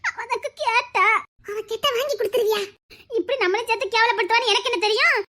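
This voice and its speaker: Woman, Tirunelveli Tamil accent, very high pitch, chattering comedy sketch delivery. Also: sharp tone. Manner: fast, chattering and scheming, often laughing as she talks.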